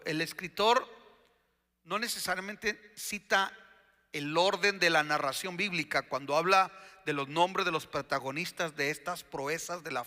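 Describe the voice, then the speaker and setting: A man preaching a sermon as pastor, slow and deliberate, with emphatic questions. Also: high voice, bright, forceful tone, big-room sound.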